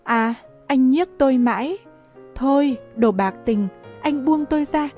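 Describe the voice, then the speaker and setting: A woman's voice: high-pitched, measured pace, dark tone, faint music behind, pitched above the performer's own voice. A woman voicing a proud, desperate pregnant girl of eighteen in an audiobook, pleading and indignant. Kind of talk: audiobook dialogue reading.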